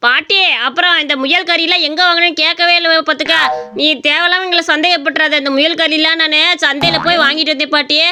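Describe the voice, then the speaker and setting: A woman voicing a scheming young man who steals rabbits, sly and fast talking. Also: high voice, fairly even intonation, background noise, lightly acted. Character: scheming young male rabbit thief, the grandson.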